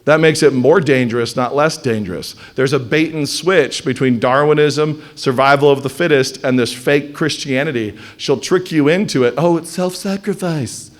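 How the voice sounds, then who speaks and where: A man giving a blunt, animated lecture to a live class, sometimes mocking the voices of others. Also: mid-range voice, normal speed, few pauses. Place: classroom or hall with audience.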